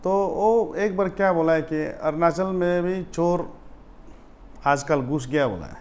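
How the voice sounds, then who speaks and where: Male student activist guest from Arunachal Pradesh, slightly high voice, gets animated in his stories, dull lo-fi recording. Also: a little slow. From Arunachal Pradesh, India. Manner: animated, rises sharply when retelling confrontations. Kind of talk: casual interview storytelling.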